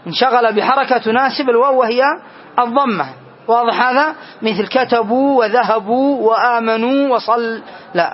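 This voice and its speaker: Guy with a really high voice teaching a grammar class, keeps asking "clear?", dull lo-fi recording. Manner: repeats key phrases and often checks "clear?" with students.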